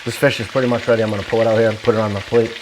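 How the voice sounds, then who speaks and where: Guy doing a cooking vlog, folksy and chatty, loud sizzle of frying behind him. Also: lowish voice, level tone, very fast, background noise. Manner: folksy, chatty, addresses viewers as guys. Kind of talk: casual cooking vlog, talking while frying. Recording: clear frying sizzle, uneven mic level. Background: sizzling oil in a frying pan.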